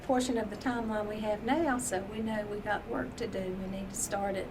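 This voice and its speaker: A woman giving an informal museum tour as a guide, speaking calmly and a little hesitantly. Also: medium pitch, brisk. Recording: steady background noise, room ambience.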